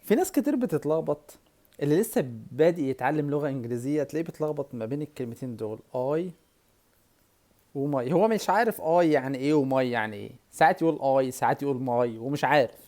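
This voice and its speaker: A man with an Egyptian Arabic accent teaching a whiteboard English lesson, repeating words slowly and quizzing the viewer. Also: mid-range voice, lively intonation, a little mellow.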